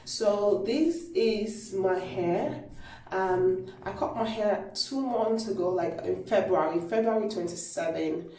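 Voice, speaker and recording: A woman vlogging about hair care from her bathroom, talking in a chatty, rambling way with lots of fillers, in a low-quality recording made on a phone. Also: takes it slowly, mellow, reverberant, far from the mic, a little hiss or hum. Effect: low quality phone stream. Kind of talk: casual how-to vlog. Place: small echoey home bathroom. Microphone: mobile phone camera.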